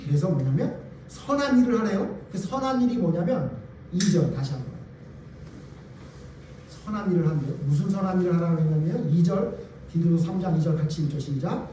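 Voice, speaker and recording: High-voiced pastor preaching in an echoey hall. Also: male voice, animated, brisk, mellow, far from the mic, slight background noise. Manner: emphatic, fires rhetorical questions at the congregation. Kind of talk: sermon.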